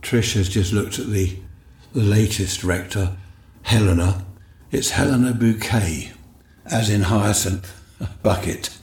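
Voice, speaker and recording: Very husky low-voiced man. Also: slow, a little mellow. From West Sussex, England. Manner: chatty, rambling, thinking aloud. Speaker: vlogger. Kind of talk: casual walkabout vlog narration. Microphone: handheld microphone.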